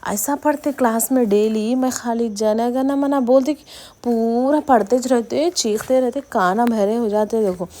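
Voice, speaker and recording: A woman's voice: a little high, a little slow. A woman with a Hyderabadi accent, a preschool teacher casually telling a story in her vlog, with lots of quoted dialogue. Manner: chatty, animated retelling with quoted dialogue. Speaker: anganwadi teacher and vlogger.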